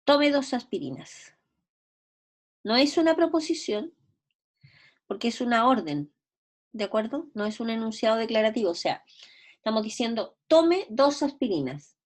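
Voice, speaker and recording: A woman teacher lectures on logic. Her voice sits a little high, and she explains step by step, rephrasing points and asking if the class understands. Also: big pitch swings, normal speed, long pauses. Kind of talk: recorded lecture.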